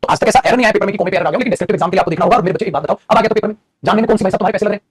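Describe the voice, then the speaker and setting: A man teaching English grammar in a lecture. He explains fast, calls his students "beta" and keeps asking if they follow. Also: high voice, husky, no room sound. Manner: rapid and explanatory, addresses students as "beta", often asks "theek hai?". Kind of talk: classroom lecture in Hindi mixed with English.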